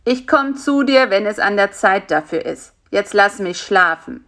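A woman's voice: mid-range voice, animated, measured pace, a bit bright. A woman voicing a grumpy, lazy male spider in a storybook reading, grumbling and dismissive. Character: grumpy, lazy male spider who wants his nap.

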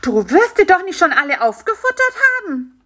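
Cheeky storybook fly, male, high and quick, bright and jumpy, voiced by a woman. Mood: eager. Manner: excited, squeaky, scolding. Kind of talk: children's story reading.

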